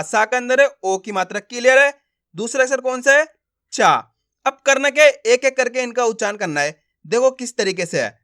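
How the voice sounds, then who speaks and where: A man teaching a reading lesson, sounding out each syllable slowly and firmly and often asking the listener if it is clear. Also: very high-pitched, fairly bright tone. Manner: sounds out words syllable by syllable, slow and emphatic; repeats simple questions to the viewer.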